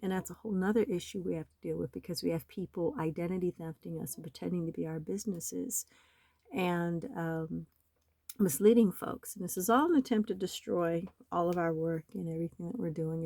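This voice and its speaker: A hoarse woman with a slight cold, talking in a rambling, aggrieved and urgent way in a home vlog. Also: lowish voice, fairly even intonation, brisk, mellow, dry recording. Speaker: nonprofit website owner. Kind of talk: screen-recorded vlog. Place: home in the desert.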